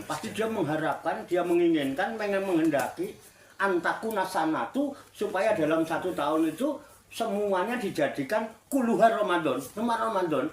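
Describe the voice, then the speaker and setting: A male Islamic cleric with a Javanese accent, leading a humorous religious discussion, teasing and animated, repeating phrases for effect. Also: sits high, echoey room.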